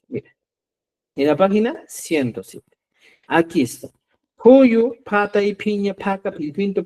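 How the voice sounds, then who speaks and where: A man, teaching a live online language class and often checking in with "¿ya?". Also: on the high side. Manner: lively, repeats "¿ya?" to check understanding. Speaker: Quechua teacher.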